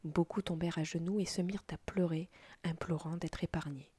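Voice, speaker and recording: A woman narrates a story as a whispered role-play, her voice a breathy, husky unvoiced whisper. She sits slightly low in pitch and close to the mic, with a dry, close sound and no room around her. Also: steady tone, dry recording. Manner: soft, slow storytelling in a whisper.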